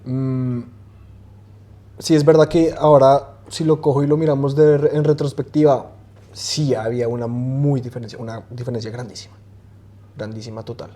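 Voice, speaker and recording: A man in his twenties, a guest talking casually in an interview and often pausing with fillers and restarts. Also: medium pitch. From Colombia. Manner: relaxed, hesitant, many fillers and restarts. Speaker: guest swimmer.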